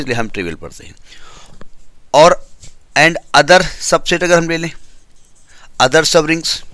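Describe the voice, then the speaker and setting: A man's voice: medium pitch, pushed and bright, no echo. A man teaching a maths lecture, explaining step by step and repeating key terms. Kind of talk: classroom lecture.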